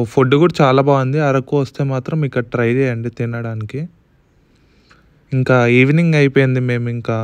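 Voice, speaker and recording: A man's voice: medium pitch, clear, resonant tone, no room sound. A man narrating his motorcycle travel vlog in a casual, chatty way, with parts recorded afterwards as voice-over. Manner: chatty, often starts sentences with "so". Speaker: motorcycle vlogger.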